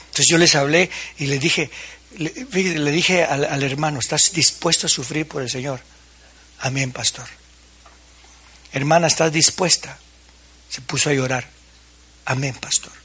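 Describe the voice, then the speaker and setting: A man's voice: fairly high pitch, fairly even intonation, moderate pace, bright, forceful tone, husky. A man preaching a sermon as pastor, addressing the congregation with questions and acting out quoted dialogue.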